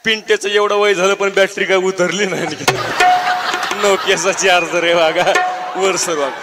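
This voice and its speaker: A man's voice: high voice, flat delivery, normal speed, close to an everyday voice. A man performing a comic folk piece, voicing a boastful, doting village mother who coos and coaxes her oversized grown baby. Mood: doting, teasing. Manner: cooing, coaxing, sing-song calls. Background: tabla and folk music.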